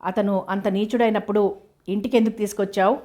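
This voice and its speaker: Lady reading as young orphan girl, angry n wronged, firing off questions, pretty flat voice. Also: medium pitch, a little fast, close to an everyday voice. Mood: indignant. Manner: indignant, sharp questions.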